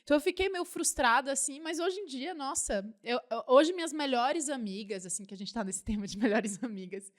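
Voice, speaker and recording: Reflective young woman, high voice. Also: animated, a little fast, few pauses. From Northeast Brazil. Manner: reflective, hesitant, with many restarts. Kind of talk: casual podcast chat.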